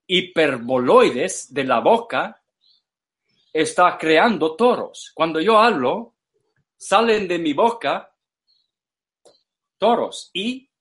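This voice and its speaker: A man whose first language is English, lecturing slowly in a second language, repeating words and searching for terms as he explains. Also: a little high.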